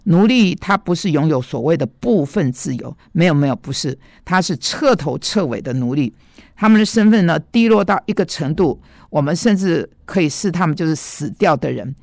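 A man delivers a teaching sermon in a slightly high, gravelly voice. He unpacks word roots and drives points home with emphatic asides to his listeners. The sound is dry and close. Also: animated, moderate pace, no room sound. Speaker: preacher.

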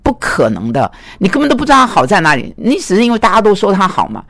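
A man teaching biblical counseling, telling anecdotes in an animated way and voicing quoted dialogue. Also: high voice, fast, vocal fry, no room sound, studio quality. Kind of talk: lecture with personal anecdotes.

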